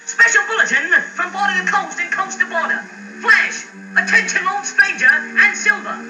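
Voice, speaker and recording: Frantic old-timey radio bulletin announcer, really high n insistent, far-off vintage cartoon sound. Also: male voice, moderate pace, pushed and bright, echoey room, faint music behind, full character voice. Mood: urgent. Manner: clipped, insistent delivery. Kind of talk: 1930s newsflash announcing parody.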